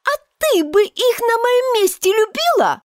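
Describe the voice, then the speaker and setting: A woman's voice: very high voice, big pitch swings, measured pace, slight background noise, pitched above the performer's own voice, full character voice. A woman reading an audiobook and voicing a touchy, indignant female mouse who talks in a huffy, trembling way. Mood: resentful. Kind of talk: audiobook character voice.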